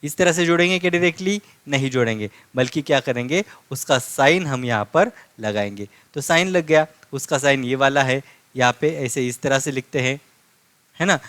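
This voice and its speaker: A man teaching a live online language lesson, slowly drilling words by repeating each one and checking in with tag questions. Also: medium pitch, a bit bright, no echo. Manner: slow, repetitive drilling with frequent tag questions.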